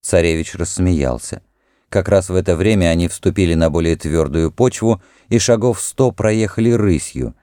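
Male audiobook narrator, very low, dark tone, dry close sound. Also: no echo.

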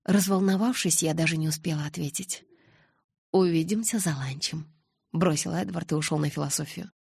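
Husky woman reading a novel aloud. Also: low-pitched, steady tone, quick pace, darkish tone, no echo, clean studio sound. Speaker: audiobook narrator. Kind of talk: first-person novel narration.

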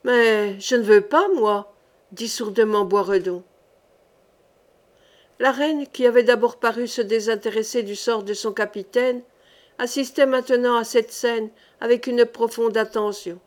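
Woman narrating a historical novel. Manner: calm, measured narration, lowering her voice for characters. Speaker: audiobook reader. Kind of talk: reading a historical novel aloud.

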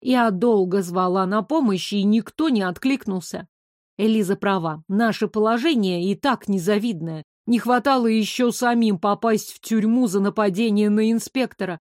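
A woman narrating a first-person novel with a lively, wry storytelling manner. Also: medium pitch, moderate pace, dry recording, clean studio sound. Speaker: audiobook narrator.

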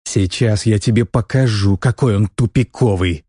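A hot-tempered young noble warrior woman, as a male audiobook narrator puts her on, sharp and indignant. The voice stays low and dark, read close in a dry, dead space. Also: normal speed, husky, dry recording. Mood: defiant.

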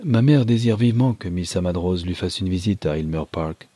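A stiff, haughty army captain, as a male reader puts him on, cool and condescending. Low and dark, with a husky grain, in a dry close recording. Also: lively intonation, fairly quick, dry recording. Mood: cold, superior. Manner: cold and condescending.

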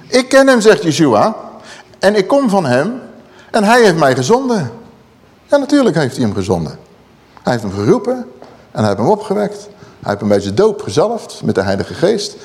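A man preaching a sermon, animated and asking his listeners questions. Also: mid-range voice. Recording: long hall reverb.

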